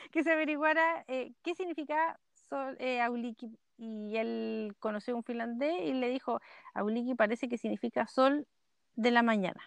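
Under a duvet in bed, a podcast co-host with a Chilean accent chats casually, rambling through stories and laughing frequently. She has a fairly high, steady, gravelly voice at a measured pace, recorded on computer headphones without room sound.

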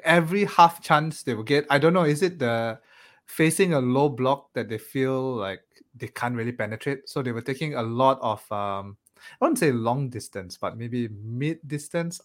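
Male podcast co-host, relaxed and analytical, lots of hesitations. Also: medium pitch. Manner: thoughtful, hesitant, many "um"s and "right?". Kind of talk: casual chat.

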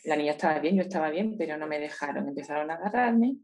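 A woman's voice: low-pitched, expressive, fast, a little mellow. A woman with a Spain Spanish accent, a guest in a conversation, telling her personal story with intensity and emotion. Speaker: interview guest.

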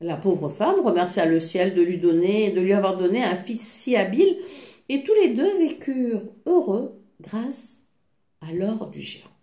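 A woman reads a fairy tale aloud at an unhurried pace. Her voice rises and falls widely, with the odd small slip. The room gives it a clear echo. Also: medium pitch. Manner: slow, expressive reading with small slips. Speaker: storyteller. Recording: echoey room.

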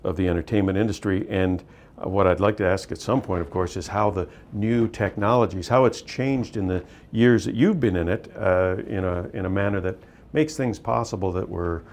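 A man co-hosting a casual on-location interview, with a gravelly voice and hallway echo. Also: sits low, normal speed, a little mellow. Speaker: co-host and interviewer. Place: indoor school hallway.

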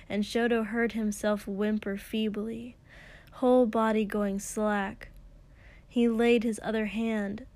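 A woman narrating an intimate story in a slow, hushed, breathy way, sometimes dropping into a whisper. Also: mid-range voice. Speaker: audiobook reader. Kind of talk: intimate fan fiction reading.

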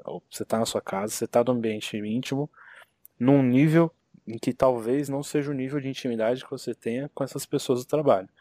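A man hosting a casual conversation, talking in a relaxed way with frequent tag questions. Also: mid-range voice, a little fast, no room sound.

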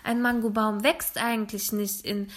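A woman's voice: medium pitch, level tone, moderate pace, a bit bright. A woman hosting a casual podcast, telling a story with lots of little fillers. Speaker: podcast host.

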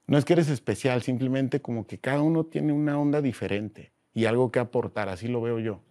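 Slangy Mexican man with a mellow voice. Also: medium pitch, fairly quick. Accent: Mexican Spanish. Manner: slangy, animated storyteller, acts out voices. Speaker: guest. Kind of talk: casual interview chat.

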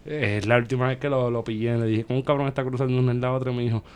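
A man's voice: medium pitch, fairly even intonation, very fast, clear, resonant tone. A man with a Puerto Rican Caribbean Spanish accent chatting casually and irreverently as a podcast host, using slang and swearing freely.

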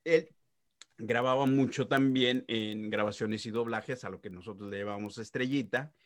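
A middle-aged man, a voice actor telling stories in an interview, animated and full of sound-effect interjections. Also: medium pitch, normal speed, no echo. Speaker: voice actor guest. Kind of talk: casual interview storytelling.

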